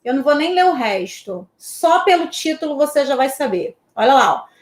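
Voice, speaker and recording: A woman's voice: sits high, very animated, moderate pace, echoey room. A woman from Brazil teaching an online exam-prep lesson in a chatty way, checking in with her students after almost every point.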